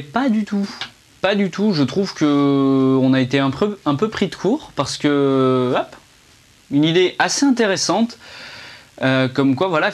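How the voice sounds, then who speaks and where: A man giving a casual film review to camera, chatty and hesitant, with many fillers and restarts. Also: fairly high pitch.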